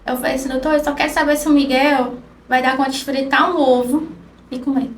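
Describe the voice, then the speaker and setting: A woman guest on a podcast telling an emotional personal story, acting out the dialogue in soft-spoken speech. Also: sits high, steady tone, fairly quick. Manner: acts out quoted dialogue, speaks softly. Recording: roomy, distant mic with faint noise.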